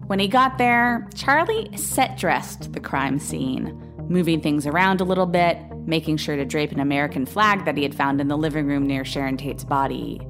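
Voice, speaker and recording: A woman narrating a true-crime story in a measured, grave, scripted way. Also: low voice, over music. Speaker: podcast narrator.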